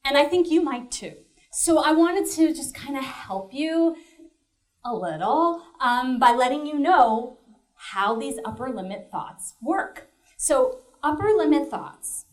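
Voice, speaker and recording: A woman performing a one-woman stage show, chatty and self-mocking, talking straight to the audience. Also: high-pitched. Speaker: comedic performer.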